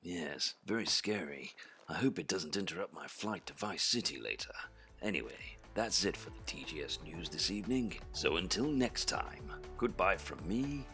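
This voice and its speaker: Man doing a very deep deadpan newsreader. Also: moderate pace, faint music behind, exaggerated voice.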